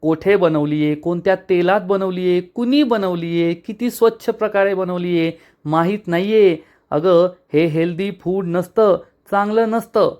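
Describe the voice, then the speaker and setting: A man's voice: high-pitched, a little slow, a little mellow. A man voicing a stern, fussy young husband who scolds in short, curt lines.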